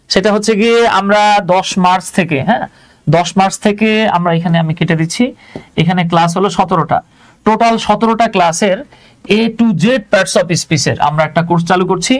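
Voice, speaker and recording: A man teaching English in a live online lesson. His voice sits high and the words come fast and chatty, close to the mic, and he keeps checking that the viewers are following along.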